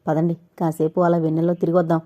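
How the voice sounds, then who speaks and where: A kind young man talks gently and earnestly to a troubled friend, as a woman narrator puts him on. The delivery is quick and sincere over a mellow, warm tone, in an audio novel. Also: low voice, completely flat delivery, highs cut off, natural voice.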